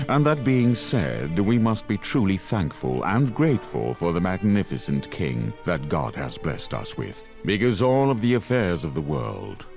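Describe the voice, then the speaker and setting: A man's voice: sits low, creaky, darkish tone, heavily acted. An actor dubbing a male court orator who declaims solemnly in a historical drama. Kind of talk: English dub of a historical drama.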